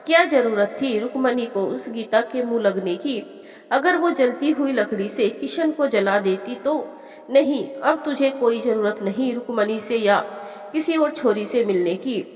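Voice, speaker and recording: A woman's voice: a little high, expressive, measured pace, soft background music. A woman voicing a fearful village mother who scolds and forbids, in an echoey room. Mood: scolding. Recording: echoey room with long reverb.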